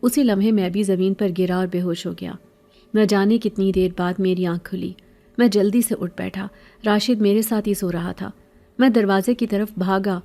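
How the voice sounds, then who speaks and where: A woman telling a scripted horror story in steady, even narration. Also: mid-range voice.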